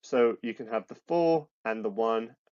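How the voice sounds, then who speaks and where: A man's voice: fairly low pitch, moderate pace, darkish tone, clean tone, dull audio. A man with a British accent teaching computer science to students over slides, explaining step by step with frequent restarts and fillers. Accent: British English. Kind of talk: recorded classroom lesson with slides.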